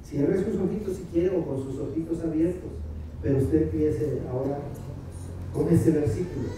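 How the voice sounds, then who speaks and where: A man, a pastor leading a sermon who prays aloud fervently and then explains in a softer, conversational way. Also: fairly high pitch, moderate pace, slight background noise. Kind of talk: sermon with spoken prayer. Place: church sanctuary. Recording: very echoey church hall, mic far off.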